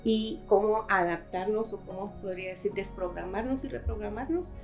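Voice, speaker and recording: A woman's voice: medium pitch, normal speed, music in the background. A middle-aged woman from Guatemala, a guest in a conversational interview, speaking thoughtfully with frequent hesitations.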